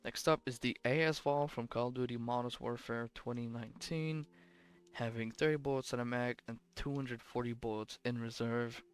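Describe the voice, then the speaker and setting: A young gaming commentator ranks weapons in an offhand way, rambling and correcting himself, his voice a bit worn and sleepy from long recording. It is a mid-range, clear, resonant voice with a steady tone at normal speed.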